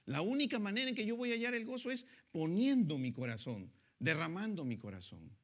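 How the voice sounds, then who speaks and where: A man, a pastor, preaching a sermon, who swings between loud high exhortation and low quiet asides, asks the listener direct questions and reads scripture slowly. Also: very animated.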